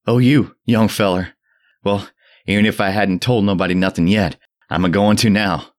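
A man voicing a terrified old drunk who rants in a shrill, cracking old voice and a rustic dialect. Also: fairly even intonation, normal speed. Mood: frenzied. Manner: rustic old New England dialect, ranting. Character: terrified old male drunk, rambling and frantic.

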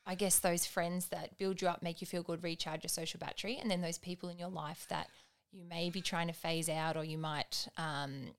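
A young woman co-hosting a relaxed podcast, chatty and quick to laugh. Her voice sits a little low for a woman, and she moves easily between reading out figures and joking. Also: smooth. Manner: chatty, laughs often, reads out survey figures. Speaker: podcast co-host. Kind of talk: casual chat.

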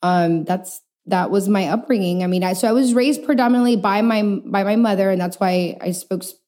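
A woman from El Paso, Texas, chats easily as a podcast guest, her voice warm and mellow. She talks through her story casually, laughs often and leans on small fillers. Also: medium pitch, a little fast. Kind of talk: casual interview chat.

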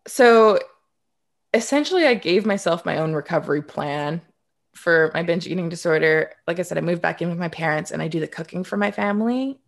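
Speaking fairly quickly in a lowish, creaky voice, a Canadian interview guest around thirty shares her story with openness and reflection. Her dry sarcasm surfaces now and then, and she frequently begins sentences over.

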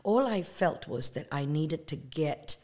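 With a low-pitched, animated voice, this evangelist guest from Malaysia talks about her faith. Her testimony is conversational, earnest and reflective, dotted with pauses and filler words.

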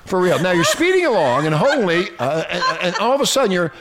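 A man's voice: sits high, sing-song, quick pace, very noisy. A man hosting a talk radio show with crude, irreverent, profane banter and mock-announcer addresses to his listeners.

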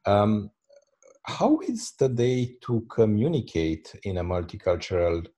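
A man from Belgium hosts a podcast and introduces his guest, pausing often on fillers. His voice is low and mellow. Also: sing-song. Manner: halting, many fillers. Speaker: podcast host. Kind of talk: podcast interview.

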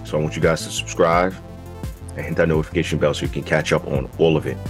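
A man with a low, froggy voice, croaky as if just out of bed, hosts a podcast in a loose, slangy way. He speaks directly to his audience, with music playing behind him. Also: fairly even intonation, fast talker. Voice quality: croaky, froggy early-morning voice. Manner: informal, slangy, addresses listeners directly. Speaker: podcast host. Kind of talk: casual video podcast monologue with slang.

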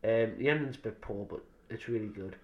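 A man's voice: lowish voice, a little fast, highs cut off. A man hosting a podcast, chatting casually about films with matey, sweary banter. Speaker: podcast host.

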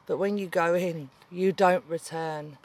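A woman's voice: on the low side, steady tone, measured pace, a little mellow. A woman playing a gloating demon queen of the underworld in a menacing villain promo, with cackling laughs.

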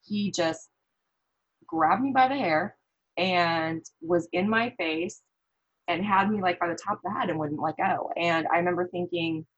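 A woman's voice: lowish voice, unhurried, lo-fi sound. A woman from the American Midwest, a podcast guest, talking casually and telling stories with quoted thoughts. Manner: animated storytelling with quoted thoughts. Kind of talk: casual conversation.

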